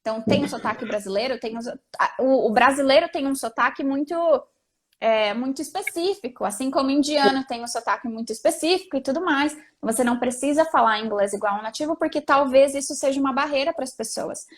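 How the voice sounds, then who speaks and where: Host feminina, voz bem aguda, papo descontraído com gírias. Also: female voice, high voice, fast. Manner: lively, casual, uses slang. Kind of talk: casual interview chat.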